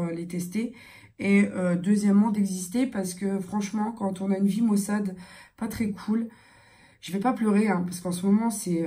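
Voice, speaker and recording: A young woman chatting casually in a beauty vlog, halting and hesitant, her voice thick, congested and strained from tonsillitis and a sore throat. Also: mid-range voice, dark tone. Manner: hesitant, halting, searching for words. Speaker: beauty vlogger.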